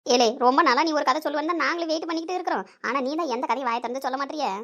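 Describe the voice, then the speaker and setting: Woman as a rough-tongued village mother, lower, gravelly, fast. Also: sharp tone, muffled recording. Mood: scolding, teasing. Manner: blunt, teasing scolding. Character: scolding older village mother. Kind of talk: amateur audio drama.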